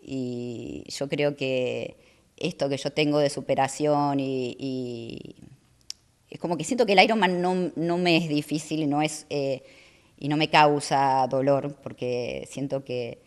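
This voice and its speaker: A middle-aged woman, talking as a guest in a casual interview, soft-spoken and hesitant with many fillers. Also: extremely low pitch, measured pace. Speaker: guest athlete.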